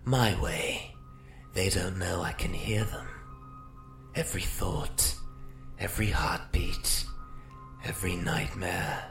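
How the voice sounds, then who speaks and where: A man's voice: deep voice, fairly even intonation, takes it slowly, vocal fry, pauses often, a bit bright, faint music behind, full character voice. A man playing a sardonic, theatrical psychic magic-user, narrating an audio drama with wry mock politeness. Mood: wry, boastful. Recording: roomy echo, faint noise.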